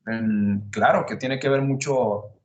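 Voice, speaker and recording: A man's voice: mid-range voice, slow, dull audio. Explaining man in an echoey room. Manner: thoughtful, builds arguments with rhetorical questions. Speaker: podcast host explaining psychology. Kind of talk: casual explanatory conversation.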